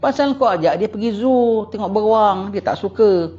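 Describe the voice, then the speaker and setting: Lively high-voiced man giving a religious lecture. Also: moderate pace. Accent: Singaporean Malay. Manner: lively, acts out quoted voices. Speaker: religious teacher. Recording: dull lo-fi lecture recording.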